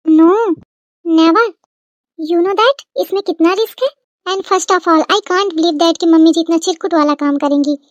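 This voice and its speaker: A woman's voice: very high voice, slow, muffled recording. A woman voicing a prim young daughter-in-law in a cartoon, sprinkling English into polite Hindi. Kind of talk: cartoon comedy voice acting.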